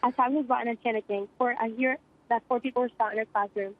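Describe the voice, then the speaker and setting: A teenage girl, an eyewitness student, recounting events rapidly over the phone, shaken and in shock. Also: on the high side, steady tone. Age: teens. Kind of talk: phone interview. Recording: tinny phone line.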